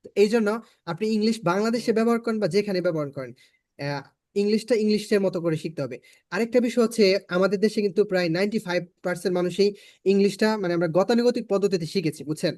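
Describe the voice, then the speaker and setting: A man's voice: high voice, fast, darkish tone, no room sound, clean studio sound. A man with a Bangladeshi Bengali accent teaching an online spoken English class, patiently repeating his points for learners.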